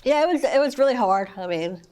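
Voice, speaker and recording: Fairly high-pitched and a little mellow, her clean voice moves fairly quickly with lively intonation. The young woman is a mother whose child has a rare condition, interviewed earnestly on a podcast and peppering her speech with "you know" and "I mean." She's getting over an illness and coughs occasionally.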